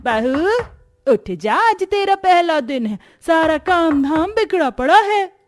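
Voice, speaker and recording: A woman's voice: very high-pitched, animated, slow, a little hiss or hum, voice pushed up, full character voice. A woman voicing a kind, naive middle-aged mother-in-law in a cartoon, motherly and coaxing. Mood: scolding. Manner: motherly and coaxing, sometimes scolding. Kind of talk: Hindi cartoon voice acting.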